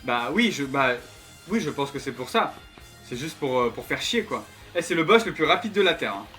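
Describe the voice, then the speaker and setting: A man's voice: fairly high pitch, sing-song, normal speed, pushed and bright. A man doing casual, slangy gameplay commentary and talking to his viewers. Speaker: gaming streamer. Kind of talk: casual gameplay commentary, reading game dialogue aloud. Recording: music behind the voice.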